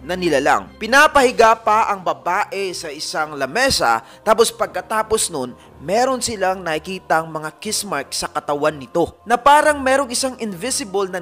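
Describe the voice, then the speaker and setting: A man's voice: high-pitched, pushed and bright. A man narrating a supernatural tale and speaking directly to his listeners as a group. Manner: addresses listeners as a fan group, dramatic retelling. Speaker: narrator of a paranormal story channel. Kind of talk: storytelling narration.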